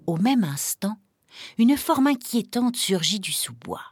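A woman narrating a children's storybook in a gentle, expressive reading voice. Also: medium pitch, a little slow, faint music behind.

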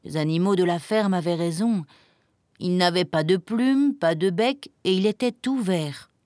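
A woman reading a children's picture book aloud in a gentle, expressive storytelling manner. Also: lowish voice, a little slow, no room sound, studio quality.

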